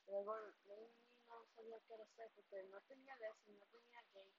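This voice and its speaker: A woman's voice: fairly high pitch, brisk. Hesitant woman retelling a story, lo-fi. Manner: hesitant, with fillers, restarts and English words mixed in. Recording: dull lo-fi recording with steady background noise.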